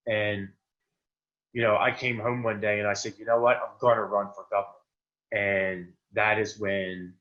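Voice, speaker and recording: A political candidate from Delaware gives an earnest, plain-spoken campaign talk over a video call, full of fillers. His voice is lowish and a bit bright, and the audio is dull and lo-fi.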